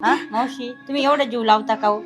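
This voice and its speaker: A woman plays a nosy bystander at a clinic in a comedy sketch, consoling a stranger in a fairly high voice. Clear music plays under her. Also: steady tone, fast, natural voice. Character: chatty woman waiting at the clinic. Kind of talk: comedy skit acting.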